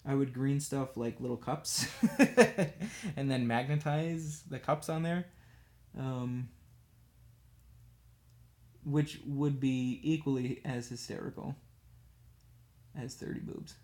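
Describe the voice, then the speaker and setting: A man's voice: mid-range voice, steady tone, slow, long pauses, darkish tone. A man casually chatting on a livestream while painting miniatures, rambling and self-deprecating as he works. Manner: talks absent-mindedly while working with a brush.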